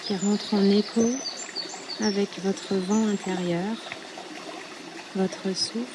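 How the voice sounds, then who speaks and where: Outdoors at a riverbank, a woman guides a yoga nidra meditation in a soothing, unhurried manner, using short phrases and long pauses. Her voice is medium-pitched with fairly even intonation. The recording is noisy, with loud running river water and a flowing, trickling stream in the background.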